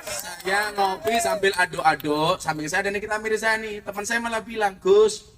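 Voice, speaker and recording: Music plays in the background as a man with a high voice and steady tone preaches a comic sermon at a moderate pace. His storytelling is laced with jokes and playful asides, recorded from a distant mic with faint noise.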